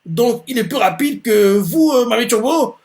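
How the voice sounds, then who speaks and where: Casting: a man doing a young man, startled and incredulous, voice pushed up high, slightly off-mic. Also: expressive, normal speed, darkish tone.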